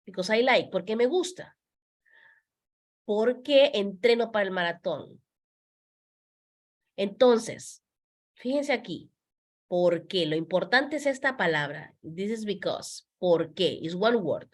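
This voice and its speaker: A woman gives a beginner grammar lesson at an unhurried pace. Her voice moves animatedly up and down as she stresses key words. She repeats examples patiently and slips into English to explain. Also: medium pitch, lively intonation. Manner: switches between Spanish and English, patient, repeats words slowly. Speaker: Spanish teacher. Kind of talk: slow explanatory language lesson.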